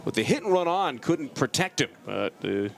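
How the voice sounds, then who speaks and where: A man's voice: a little high, very animated, moderate pace, creaky. A man giving live baseball commentary as a play-by-play broadcaster at an outdoor ballpark.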